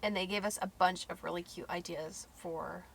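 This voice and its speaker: A woman's voice: lowish voice, steady tone, normal speed, creaky, a bit bright, slight background noise. A young American woman from Idaho, reading out questions in a casual Q&A and laughing easily. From Idaho, United States. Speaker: co-host asking questions. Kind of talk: casual Q&A chat.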